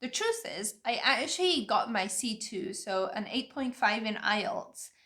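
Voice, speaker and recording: A young woman who makes language-learning videos talks to camera in a fairly high, animated voice with a sharp tone and a measured pace. Her first languages are Vietnamese and Hungarian. In this talking-head advice video she's earnest and opinionated, explaining things step by step.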